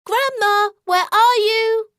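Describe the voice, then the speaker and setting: A woman's voice: very high voice, slow pace, fairly bright tone, dry recording, clean studio sound, voice pushed up, heavily acted. A woman voicing a bold, outspoken little girl in a children's story, exclaiming pertly. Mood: pert, inquisitive.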